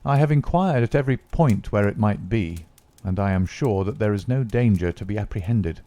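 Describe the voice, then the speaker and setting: Unflappable detective, calm and dry, close dry sound, male reader voicing him. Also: fairly low pitch, normal speed, no room sound, natural voice. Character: cool, confident male detective.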